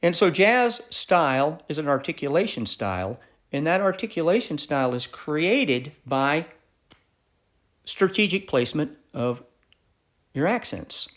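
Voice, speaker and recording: A middle-aged man gives an instructional music lesson, his voice sitting a little high for a man. He works through each point methodically, restarting phrases as he thinks aloud. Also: big pitch swings, unhurried, fairly bright tone. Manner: methodical, explains step by step with frequent restarts. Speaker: music teacher.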